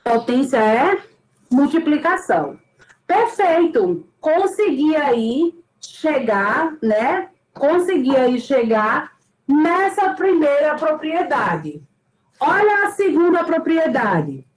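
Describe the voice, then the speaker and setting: A woman with a high voice explains a math lesson at an unhurried pace. She goes over each step patiently and repeats the main points with emphasis. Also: big pitch swings, reverberant, low-quality recording. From Brazil. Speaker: math teacher.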